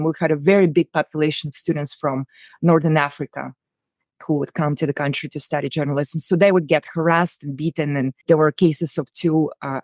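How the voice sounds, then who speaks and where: A Russian woman with a Russian accent and a low voice speaks earnestly and conversationally as an interview guest. She's a writer-director telling personal stories, and the recording has no echo.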